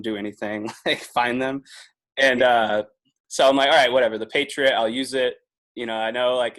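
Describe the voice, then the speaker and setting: A man's voice: mid-range voice, a bit bright. Chatty man in his twenties. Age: 20s. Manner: chatty, laughs often, leans on filler "like". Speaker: podcast guest, video producer. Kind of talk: casual podcast chat.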